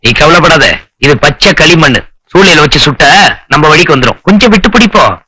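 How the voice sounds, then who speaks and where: A man's voice: fairly high pitch, expressive, brisk, bright, forceful tone, slight background noise, rough recording. An actor playing a proud, wealthy father-in-law who lectures sternly and schemes in a 1980s film. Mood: scheming.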